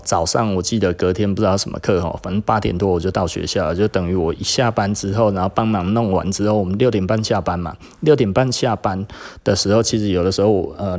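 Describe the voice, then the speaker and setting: A man with a Taiwanese Mandarin accent, hosting a podcast and telling a story in a casual, animated way, getting louder and higher when he is indignant. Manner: animated retelling with frequent sentence-final particles; rises in pitch and volume when indignant. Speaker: podcast host.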